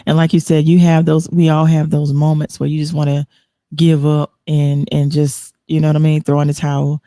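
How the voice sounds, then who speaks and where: A woman's voice: deep voice, monotone, moderate pace, warm tone, no echo, studio quality. A woman hosting an online talk show, speaking earnestly and emotionally, rambling with frequent restarts. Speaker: host.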